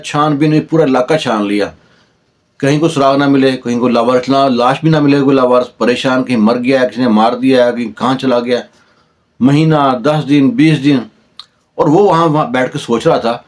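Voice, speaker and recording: Man, pakistani urdu accent, oral storyteller, conversational, mid pitch. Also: darkish tone. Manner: conversational, acts out dialogue in the telling.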